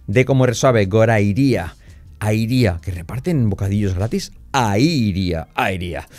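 A man from Spain with a Spanish accent, teaching English in a video lesson, explaining and then slowly modeling English phrases to repeat. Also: fairly low pitch, animated, a little mellow, soft background music.

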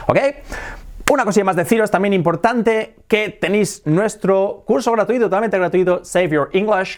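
A man with a Spain Spanish accent giving an animated online English pronunciation lesson, repeating words and often laughing. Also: a little high.

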